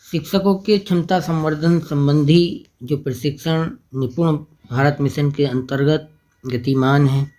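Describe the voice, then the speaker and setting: A man with a slightly higher-than-usual voice guides viewers through a quiz. He checks each option patiently and says plainly why it is right or wrong. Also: darkish tone. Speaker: teacher trainer. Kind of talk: screen-recorded quiz walkthrough.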